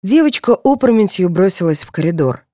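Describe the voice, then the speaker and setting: A woman's voice: medium pitch, big pitch swings, a little fast, mellow, no echo, clean studio sound. A woman reading a detective novel aloud as narrator, lifting her voice to act out each character. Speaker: audiobook narrator.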